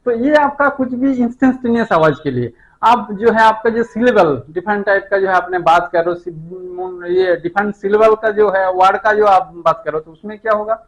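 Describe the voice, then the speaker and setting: Male physics teacher, middle-aged, fairly high voice, patient step-by-step explainer. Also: normal speed, low-quality recording. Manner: explains step by step, often checks with "है ना?". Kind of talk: classroom lecture.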